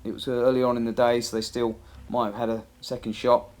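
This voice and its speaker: A man's voice: medium pitch, little pitch movement, brisk, darkish tone. A man giving a casual, plain-spoken, conversational voice-over for his own amateur hunting footage. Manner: plain, matter-of-fact, conversational. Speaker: amateur hunter narrating own video. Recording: music behind the voice-over. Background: background music.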